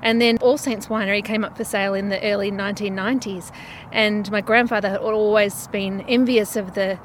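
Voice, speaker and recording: A woman with an Australian accent who runs a family winery, telling her story in a warm, chatty way. Faint outdoor traffic noise sits behind her voice. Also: mid-range voice, fairly even intonation, fairly quick. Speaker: winery owner, guest. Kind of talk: casual interview.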